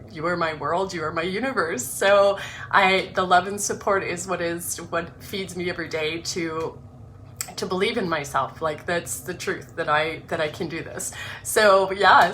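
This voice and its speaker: Emotional gushy woman on a live stream, reads her own book then chats, kinda lowish pitch, bright forceful tone. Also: slight background noise. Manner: effusive and emotional. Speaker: host of an online group livestream. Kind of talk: reading her own book aloud, then casual chat. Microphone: webcam or phone livestream.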